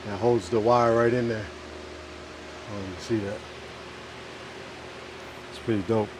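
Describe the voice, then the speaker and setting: A man's voice: on the low side, steady tone, measured pace. A man casually narrating his hands-on work in a vlog, muttering to himself in an offhand way and swearing now and then. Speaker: DIY vlogger. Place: inside a food truck. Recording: clear vehicle and fan noise.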